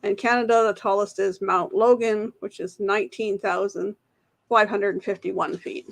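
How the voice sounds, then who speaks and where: A woman's voice: medium pitch, steady tone, moderate pace, gravelly. A woman hosting a casual live trivia quiz, reading questions aloud and chatting with viewers in the chat. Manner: reads questions aloud, greets and answers chat viewers, laughs at herself. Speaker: trivia livestream host.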